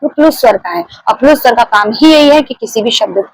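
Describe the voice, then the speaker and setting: Female teacher, fairly high gravelly voice, patient explainer, dry close mic. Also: lively intonation, fairly quick, no echo, low-quality recording. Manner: explains step by step, repeats key points, asks the class questions. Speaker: Hindi grammar teacher. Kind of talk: classroom lecture.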